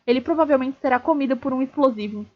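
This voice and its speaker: A woman's voice: high voice, fast. A woman reading aloud, voicing a brave teenage boy wizard in a storybook reading, with breathless urgency. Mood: firm. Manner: shouting spells, breathless urgency. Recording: dull lo-fi stream audio.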